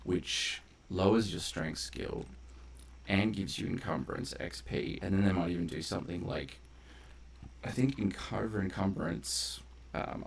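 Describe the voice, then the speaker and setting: Low-pitched and gravelly with a slightly rough edge, a male streamer talks casually over his playthrough. Nothing is scripted; he wanders onto side topics as he walks through how the game's mechanics work in depth.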